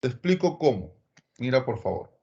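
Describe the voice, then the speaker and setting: A man teaching trigonometry to a class in a lively way, often acting out what his students might say and calling them by name. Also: mid-range voice, moderate pace, vocal fry, slightly rough, lo-fi sound. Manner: lively, acts out imagined student replies; addresses students by name, coaxing. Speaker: math teacher.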